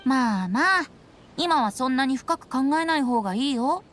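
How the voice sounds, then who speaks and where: A woman with a high, expressive, somewhat bright voice performs anime game dialogue at a normal speed, voicing a carefree teenage boy bard in an anime-style video game. She plays him breezy, playful and self-admiring, with slight background noise behind her.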